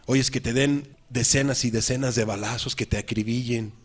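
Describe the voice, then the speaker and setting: A man's voice: medium pitch, fairly even intonation, moderate pace, breathy edge. A man preaching a sermon, asking the congregation rhetorical questions and reading scripture with emphasis. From Mexico.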